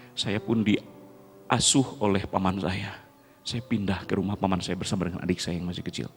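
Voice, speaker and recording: A man in his fifties, a motivational speaker, telling a personal story in a heartfelt way, his voice straining upward as the memories deepen. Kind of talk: emotional personal storytelling speech.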